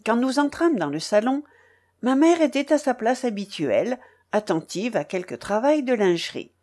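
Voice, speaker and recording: Expressive woman reading a novel. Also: a little high, moderate pace. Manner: expressive storytelling. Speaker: audiobook reader. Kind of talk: literary narration.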